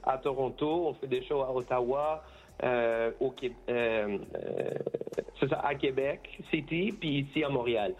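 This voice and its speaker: A man's voice: mid-range voice, measured pace. A man who grew up in Costa Rica, a band member giving a casual radio interview, hesitant, with many restarts, moving between French and Spanish.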